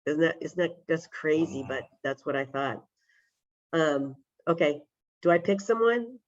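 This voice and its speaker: A man speaks casually in a raspy, smoker-like voice thickened by a cold. His pitch sits a little high, and the video call audio is dull and lo-fi. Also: unhurried. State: has a cold. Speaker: community meeting participant. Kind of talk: casual self-introduction in a meeting. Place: online video meeting.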